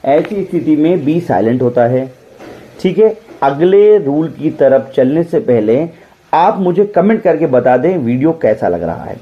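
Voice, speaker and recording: Indian man teaching, muffled sound. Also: fairly high pitch. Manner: asks the class questions and answers them himself, spells words letter by letter. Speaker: English teacher. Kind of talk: classroom-style lesson on pronunciation.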